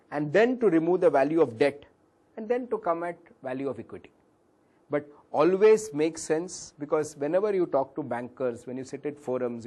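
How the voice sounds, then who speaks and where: The speaker, a man with a slightly high but dark-toned voice, has an Indian English accent and is teaching a valuation workshop. He calls his listeners sir, uses Hindi phrases here and there, and his voice cracks at times as he lectures and fields audience questions.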